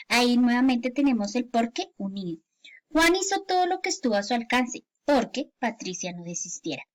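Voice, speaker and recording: A woman teacher gives a grammar lesson to children, patiently repeating each example and checking in often. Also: high voice.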